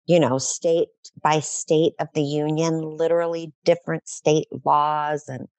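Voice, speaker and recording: A woman's voice: deep voice, level tone, unhurried, darkish tone, no echo. A middle-aged woman talking as a guest in a casual podcast interview, enthusiastic and effusive, rambling with fillers.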